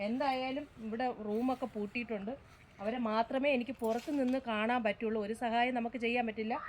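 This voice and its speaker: A woman with a high voice and a southern Kerala Malayalam accent chats as she walks on a travel vlog. She repeats her phrases and often turns to viewers with little tag questions. The recording is outdoors, with light noise behind her. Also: fairly even intonation, brisk. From Kerala, India. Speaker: travel vlogger. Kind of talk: casual walking vlog commentary. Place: outdoors, walking through a village and rocky hill.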